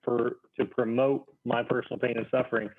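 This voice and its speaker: A man telling a casual, self-deprecating story among friends in a halting, wry manner. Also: mid-range voice, flat delivery, a loud crowd. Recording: thin phone-like call, muffled.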